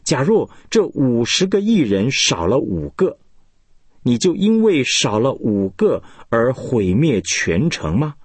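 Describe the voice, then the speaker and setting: An old patriarch pleads earnestly and humbly, as a man reading scripture puts him on. The voice sits higher than the reader's own, husky and breathy. It is slow, imploring and very lively in its rise and fall. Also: no echo, heavily acted. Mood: pleading. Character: elderly man pleading humbly with his God.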